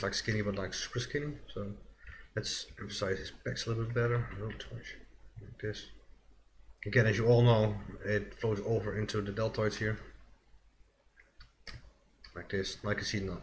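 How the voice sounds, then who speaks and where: A man with a somewhat low voice talks through his work on a live stream, relaxed and loose. He thinks aloud, trailing off and correcting himself often. A faint hiss of background noise sits under the voice. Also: moderate pace. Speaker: digital sculpting streamer. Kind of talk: casual live-stream commentary while working.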